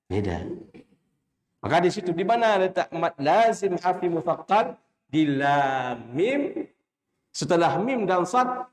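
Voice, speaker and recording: A man with an Indonesian accent teaching Quran recitation, drilling letter names slowly and quizzing his students with short questions. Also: fairly high pitch, roomy sound. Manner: chants drawn-out letter names when demonstrating. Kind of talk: classroom lesson with call-and-response recitation.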